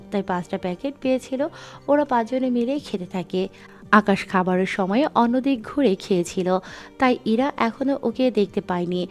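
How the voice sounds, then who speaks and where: A woman narrating an audio drama in a steady storytelling manner. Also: fairly high pitch.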